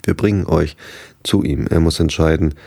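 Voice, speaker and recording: A man's voice: a bass voice, steady tone, normal speed, gravelly, dark tone, dry recording, full character voice. A man voicing a stern young male pilgrim in a bedtime story reading, solemn.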